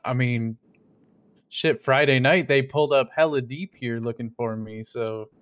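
Smooth-voiced man rambling in character. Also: mid-range voice, measured pace, no room sound. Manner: rambling and hesitant, with many fillers and restarts; joking, mock-innocent. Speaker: streamer playing a roleplay character. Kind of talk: casual in-character roleplay chat.

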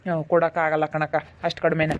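A woman's voice: sits low, completely flat delivery, fast talker, a little hiss or hum, close to an everyday voice. A woman playing a defensive male vegetable seller, pleading with customers.

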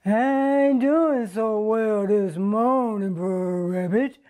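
A woman's voice: medium pitch, big pitch swings, a little slow, a little mellow. A woman voicing a sly, greedy male fox in a folk tale, talking in a folksy, boastful way. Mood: dejected. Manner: folksy drawl, sings and raps playfully.

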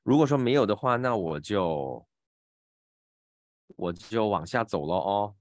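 A man with a Malaysian Mandarin accent teaching pronunciation in an online class, patiently demonstrating each sound with drawn-out repetitions. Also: on the low side, lively intonation, no echo, clean studio sound. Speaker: voice acting teacher.

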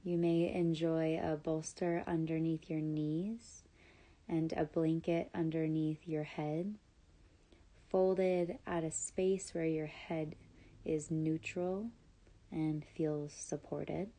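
A deep-voiced woman reads from a script to lead a yoga nidra meditation, pausing often as she delivers soothing, measured, calm guidance.

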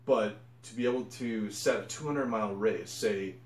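A man who vlogs about ultra running chats casually to camera about running challenges, rambling, self-correcting and enthusiastic. His voice is on the low side at a moderate pace, and the room echoes.

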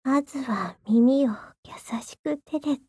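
A woman streaming an ASMR role-play, talking in a teasing, coquettish way with soft, drawn-out endings. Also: high voice, slightly rough, no room sound.

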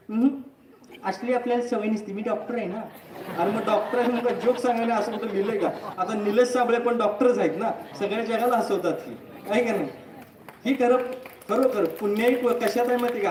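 High-voiced man lecturing in an echoey hall. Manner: lively, acts out dialogue, chuckles often. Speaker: public speaker. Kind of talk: live storytelling lecture. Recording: echoey hall, mic far off, faint noise.

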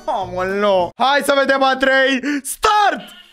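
An eighteen-year-old man giving excited reaction commentary as a YouTuber, with loud outbursts and banter with himself. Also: very high-pitched, soft background music.

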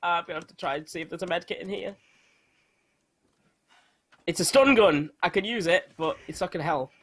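Chatting with a teammate over a multiplayer game, this young man has a high, slightly bright voice and talks fairly quickly. He jokes and swears through the excited gameplay talk, shrieking when the action gets tense.

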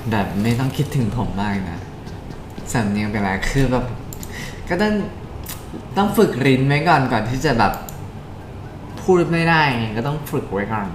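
A man's voice: mid-range voice, animated, moderate pace, pauses often. A young man streaming a mobile game, chatting casually and jokingly while reading his viewers' messages aloud. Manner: joking, reads and answers viewer chat aloud. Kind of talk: casual live-stream chat. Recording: echoey room with background noise.

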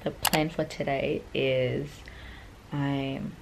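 Low, gravelly woman with morning voice. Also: level tone, extremely slow, a little mellow, slight background noise. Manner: rambling, chatty with many fillers. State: groggy morning voice. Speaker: vlogger. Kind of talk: casual vlog chat to camera.

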